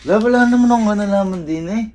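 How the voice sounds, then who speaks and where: A man's voice: high-pitched, fast talker, a little mellow, a little hiss or hum. A young man chatting casually in a couple vlog, laughing a lot and teasing while playing innocent. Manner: laughing, teasing and playfully defensive. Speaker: vlogger.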